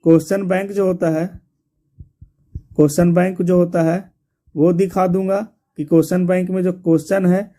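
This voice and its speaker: A man's voice: sits high, little pitch movement, normal speed, dark tone. A man teaching an exam syllabus, repeating points and spelling words out letter by letter. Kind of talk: explaining a syllabus to students.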